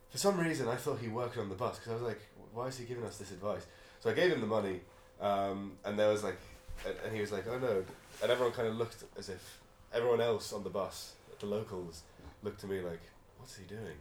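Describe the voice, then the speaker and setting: Low-voiced man, laid-back podcast co-host who rambles and laughs a lot, recorded in an echoey room with faint hiss. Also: fairly quick. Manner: rambling storyteller, laughs often. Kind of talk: casual chat.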